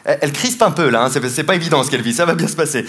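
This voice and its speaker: This live stand-up mentalism show features a man with a high-leaning, somewhat bright voice, lively intonation and a very fast delivery. Playful and teasing toward his volunteers, he laughs frequently, with audience laughter and applause filling the big theatre.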